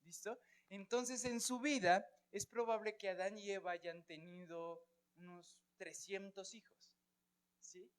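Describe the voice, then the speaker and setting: A man's voice: high voice, fairly even intonation, a little slow, clean tone. A man with a Colombian Spanish accent teaching a church Bible class, often checking in with his students and asking them questions.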